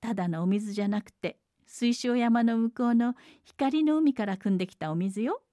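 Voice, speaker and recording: A woman voicing a tiny, clever, headstrong little girl born from a bean, in a wilful, high, bright storybook tone. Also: normal speed, dry recording, clean studio sound, close to an everyday voice.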